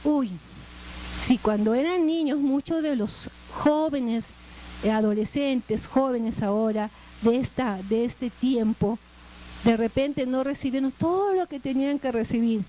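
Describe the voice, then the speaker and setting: Conversational Peruvian woman lecturer, high voice. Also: measured pace, dark tone, a little hiss or hum, rough recording. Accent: Peruvian Spanish. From Peru. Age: middle-aged. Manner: conversational, frequent "¿no?" tag questions. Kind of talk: lecture to a class.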